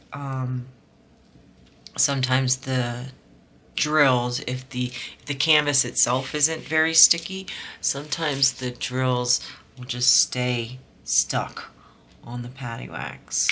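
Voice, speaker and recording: A woman with a slightly hoarse, scratchy throat, chatting casually and softly while she works on a craft project. She rambles, with lots of fillers and restarts. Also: a bass voice. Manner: soft-spoken and rambling, with many fillers and restarts. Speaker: diamond painting vlogger.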